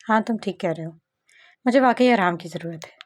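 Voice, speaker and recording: A woman voicing a grieving, guarded young woman who answers calmly and with resignation in a romance novel reading. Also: medium pitch, a little fast, natural voice. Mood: wry. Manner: calm, resigned.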